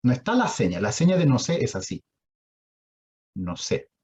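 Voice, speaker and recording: A man's voice: medium pitch, huge pitch swings, fast, mellow, slightly rough. A man with a Chilean accent giving an online lecture on sign language, explaining patiently and putting questions to his audience over a video call.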